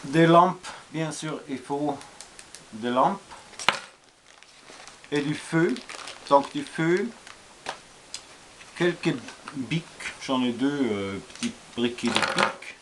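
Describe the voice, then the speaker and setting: Background noise accompanies a slightly high-voiced Austrian man who speaks slowly with frequent pauses. In his casual survival gear show-and-tell vlog, he speaks French with an Austrian German accent, hesitantly and with many fillers and restarts.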